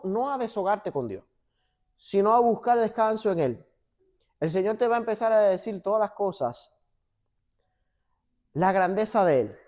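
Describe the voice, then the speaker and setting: A man, a pastor, preaching in a church and acting out dialogue as he tells stories. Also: high voice. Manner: animated storytelling, acts out dialogue. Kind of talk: sermon with church banter. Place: church sanctuary.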